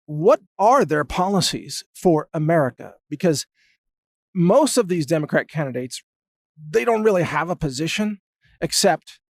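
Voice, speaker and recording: A man's voice: on the high side, dry recording, studio quality. A man hosting a political commentary monologue, talking in a sarcastic, mocking way. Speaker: host.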